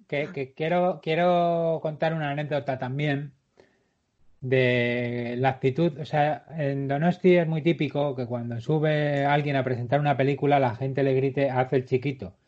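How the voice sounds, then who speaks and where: A man, co-hosting a casual chat and telling anecdotes in a jokey, storytelling way, slowing down for effect. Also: mid-range voice, fairly even intonation, darkish tone. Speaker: podcast co-host. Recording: dull lo-fi recording.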